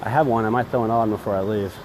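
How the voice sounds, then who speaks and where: A man's voice: fairly low pitch, steady tone, very fast. A man chatting casually and informally as he hosts a fishing livestream from under a bridge, rambling and offering modest opinions. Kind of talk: casual chat while fishing. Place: outdoors under a concrete bridge by a creek. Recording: noisy outdoor phone recording under bridge.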